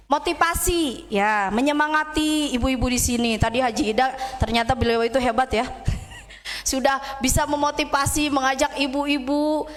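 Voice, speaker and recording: Woman, Sundanese accent, high voice, playful trainer, long hall reverb. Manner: lively, playful, leads vowel drills and jokes with the audience. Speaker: public speaking trainer. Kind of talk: teaching a women's study group.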